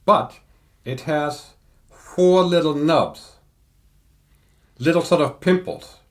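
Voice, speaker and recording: An older man in a casual podcast chat, explaining audio equipment in a measured, technical way. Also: a little high. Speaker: audio reviewer guest.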